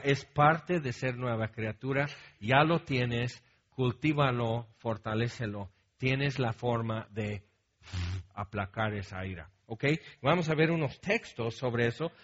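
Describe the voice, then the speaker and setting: Slow-talking Mexican pastor preaching. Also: male voice, medium pitch, lo-fi sound. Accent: Mexican Spanish. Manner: conversational, keeps checking in with the congregation; humorous storytelling with asides. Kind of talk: sermon.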